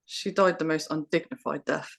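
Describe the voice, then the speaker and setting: A woman plays a prim, forthright young female student in an audio drama. Her voice sits a little low, and she speaks directly and properly. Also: fairly even intonation, normal speed, gravelly, breathy edge, heavily acted. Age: young adult.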